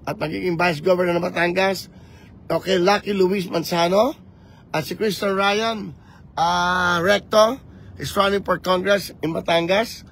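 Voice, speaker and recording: A man chatting on a live vlog from inside a moving vehicle, talking in an animated and preachy way as he mixes languages. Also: high-pitched, measured pace. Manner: animated, code-switching, preachy. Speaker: vlogger campaigning for office.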